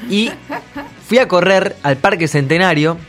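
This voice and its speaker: Argentine radio host telling anecdotes. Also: male voice, high voice, measured pace, a bit bright. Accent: Argentine Spanish. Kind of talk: casual chat. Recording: radio studio with faint music.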